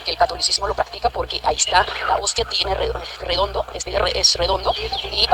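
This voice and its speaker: A woman's voice: medium pitch, fairly even intonation, a little fast, sharp tone, slightly rough, low-quality recording. A woman gives a fervent, repetitive church testimony, talking straight to a fellow sister. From Peru. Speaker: church member giving testimony. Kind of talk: emotional spoken testimony.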